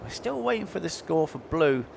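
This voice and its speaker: A man's voice: on the high side, very animated, normal speed, creaky. Laid-back male surf commentator, faint background noise. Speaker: surfing colour commentator. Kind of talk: live sports commentary, conversational analysis.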